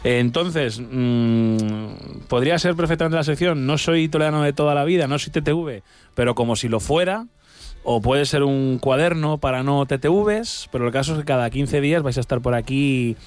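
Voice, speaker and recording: A man's voice: mid-range voice, normal speed, a little mellow, faint music behind. A man hosting a radio segment in a studio, playful, steering the talk with prompting questions. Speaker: radio host.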